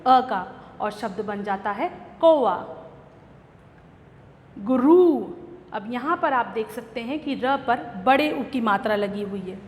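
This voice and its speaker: A woman teacher, giving a grammar lesson to young children in a slow, patient way. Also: a little high, lively intonation, echoey room, big-room sound. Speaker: school teacher.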